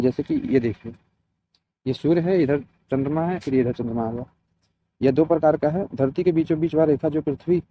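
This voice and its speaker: A man with a fairly high voice teaches geography to students preparing for competitive exams, reading his lesson from notes and adding brief explanations. The audio is dull, lo-fi and muffled, with a faint hiss or hum.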